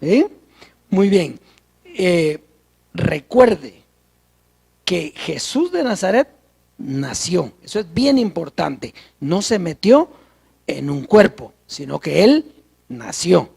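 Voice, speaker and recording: Husky preacher, unhurried sermon delivery, gravelly tone. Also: mid-range voice, very animated, a little mellow. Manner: slow, deliberate teaching with rhetorical questions.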